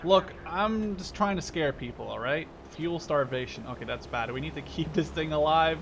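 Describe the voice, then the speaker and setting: A Canadian gaming video host in his twenties delivers casual live gameplay commentary, joking, using slang, and poking fun at himself. His voice is fairly high and a bit bright, at a moderate pace, with game vehicle sounds in the background and a little hiss or hum in the recording.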